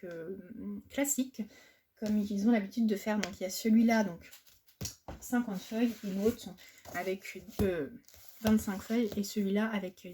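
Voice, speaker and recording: A woman's voice: mid-range voice, warm tone, a little hiss or hum. A woman from France chatting casually in a crafting haul, hesitant and full of fillers and restarts. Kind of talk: casual chat.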